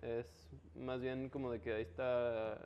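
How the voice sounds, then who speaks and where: A man speaks casual Mexican Spanish at a middling pitch. He explains things colloquially, with plenty of street slang, as in a relaxed conversation. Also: a little slow, clear, resonant tone, lo-fi sound. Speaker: interview guest, local trail biker.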